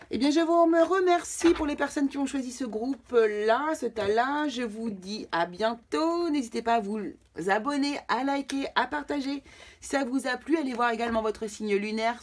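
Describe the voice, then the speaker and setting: A woman's voice: fairly high pitch, slight background noise. Chatty woman reading tarot cards. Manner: chatty, addresses viewers directly. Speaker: tarot card reader. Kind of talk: casual tarot reading to camera.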